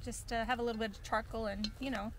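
A woman's voice: on the high side, steady tone, quick pace, fairly bright tone. A woman co-hosting a casual farm cooking vlog outdoors, chatty and practical, laughing easily. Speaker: farm vlogger co-host. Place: outdoors by a fire pit on a farm.

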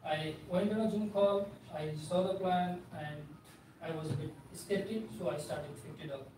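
A man's voice: high voice, normal speed, a little mellow. Chatty man in a very echoey room. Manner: chatty, lots of "like" and "right?". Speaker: invited speaker giving a testimonial. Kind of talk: casual personal testimonial. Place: meeting room with a seated audience, indoors. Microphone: far camera, no mic seen. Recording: very echoey room from far off, noisy.

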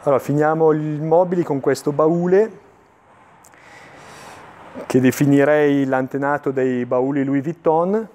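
A man presenting items in an unscripted infomercial style, explaining in a measured way with searching pauses and repetitions. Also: on the high side, mellow. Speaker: antiques dealer presenting items on a TV sales show. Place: indoor furniture showroom.

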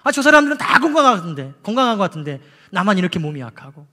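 A man's voice: high-pitched, very fast, long reverb tail. A male pastor preaching a sermon in church, telling a story and acting out the people in it with feeling. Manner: storytelling, acts out quoted voices, lively and emotional. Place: church sanctuary.

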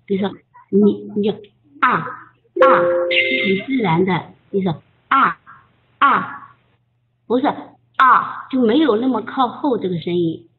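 A woman teaching English pronunciation in an online group lesson, patiently coaching and modeling sounds slowly. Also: mid-range voice, expressive. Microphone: voice chat. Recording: tinny phone-like line.

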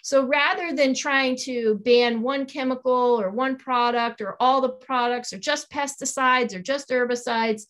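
Appearing as an interview guest over a computer video call from a small home office, a woman in her forties earnestly and emphatically explains her advocacy work. Her high-pitched voice is steady and a bit bright, moving a little slowly with hardly any pauses.

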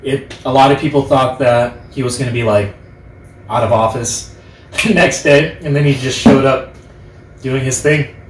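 A young man in his twenties chatting casually as host, earnest and halting in the way he talks. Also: medium pitch, fairly even intonation. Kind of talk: casual group chat. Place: living room, on a couch. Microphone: distant camera microphone. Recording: roomy, distant camera mic, background noise.

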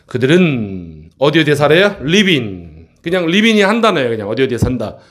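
A man's voice: mid-range voice, moderate pace. Guy teaching english in a classroom, bouncy up and down voice, keeps asking the kids questions. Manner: lively, questioning students, repeats checks like "그지?". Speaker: English teacher at a cram school. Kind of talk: classroom lesson explaining a textbook passage.

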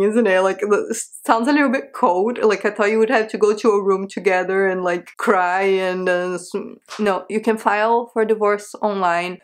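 Chatty young woman vlogger. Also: medium pitch. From Brazil. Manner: chatty, candid, with frequent laughs and rhetorical questions. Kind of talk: casual talk to camera. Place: small bedroom with a sofa, indoors.

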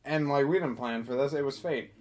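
A man's voice: medium pitch, brisk. Giggly young man telling a story. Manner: animated, giggly, swears freely, vivid impressions of friends. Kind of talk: casual anecdote telling.

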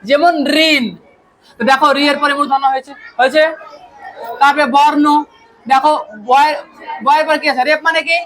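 Teacher, high voice, patient question-and-answer drilling. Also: fairly even intonation, brisk, pauses often, a bit bright. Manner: asks questions and answers them, praising with "very good". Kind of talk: Bengali grammar lesson.

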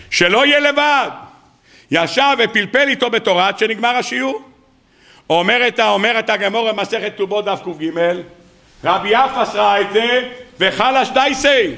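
A man's voice: extremely high pitch, sharp tone. A man giving a weekly sermon as a rabbi, telling stories dramatically and acting out the dialogue while addressing his listeners. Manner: dramatic storytelling, acting out quoted dialogue, addressing audience as "rabbotai".

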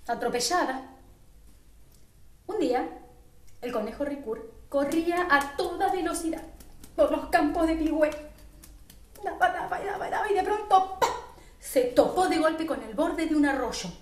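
High-voiced woman telling a children's story. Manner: expressive, unhurried storytelling. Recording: roomy echo.

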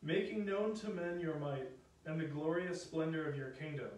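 Man reading scripture in cathedral echo. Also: fairly high pitch. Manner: measured, solemn proclamation. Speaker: lector. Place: large church. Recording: echoey cathedral from far off.

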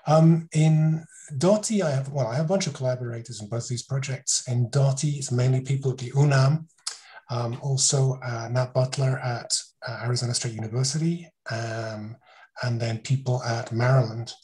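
A man presents research over a video call in an easygoing, conversational way. He poses rhetorical questions and corrects himself mid-sentence. His voice sits at an ordinary middle pitch. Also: fairly even intonation, normal speed, warm tone. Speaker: conference speaker.

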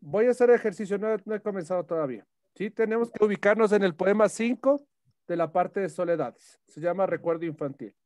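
A man with a fairly high voice teaches a class, laying out rules one step at a time. He keeps checking that students follow with short questions. The sound is dry and close, with little room to it. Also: a little fast, darkish tone, no echo. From Ecuador. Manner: explanatory, checking in with frequent "¿sí?". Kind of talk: classroom lesson on poetic meter.

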